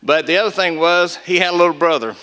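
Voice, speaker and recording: A man's voice: on the high side, quick pace, pushed and bright, smooth. A man giving a folksy testimony talk to a gathering, telling a story and acting out the voices in it. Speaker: Gideons speaker.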